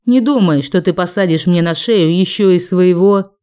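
A woman voicing a cruel, haughty middle-aged mother who shouts, hisses and sneers. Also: lowish voice, moderate pace, clear, resonant tone, close to an everyday voice. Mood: furious.

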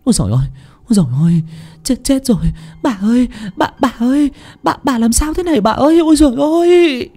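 A man voicing a flustered young servant woman who stammers in a raised falsetto. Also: lively intonation, moderate pace, warm tone, soft background music. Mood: panicked. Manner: stammering, high-pitched.

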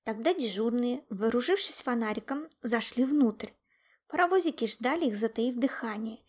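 A woman reading a children's story aloud, lively and expressive, giving each character's line its own emphasis. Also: on the high side, normal speed.

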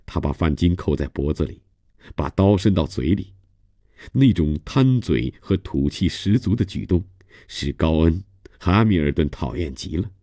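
Deep-voiced male storyteller. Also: no room sound, clean studio sound. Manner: steady, measured storytelling. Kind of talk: scripted novel narration. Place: radio studio.

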